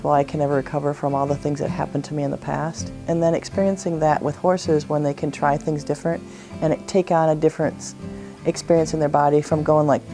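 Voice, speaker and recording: Brief: earnest woman therapist, low mellow voice, soft guitar underneath. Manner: earnest, reflective, storytelling with quoted dialogue. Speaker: equine therapist. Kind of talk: explanatory interview talk.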